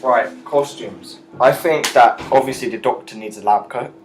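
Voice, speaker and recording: A young man in his late teens steers a student group meeting, cutting in to keep the discussion on track. His voice sits at a middle pitch and carries a roomy echo. Faint background noise runs under the talk. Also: normal speed. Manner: directive, keeps steering the talk. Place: school classroom.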